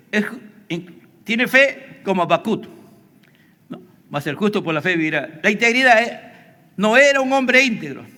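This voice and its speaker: A man's voice: high voice, sharp tone. A male pastor preaching a sermon to a youth service, often checking in with the congregation through rhetorical questions. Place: church hall. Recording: livestream in a reverberant church hall.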